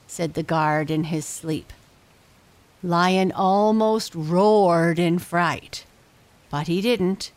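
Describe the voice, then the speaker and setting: A woman narrating a bedtime story gently, with long pauses between phrases. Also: fairly low pitch, no echo.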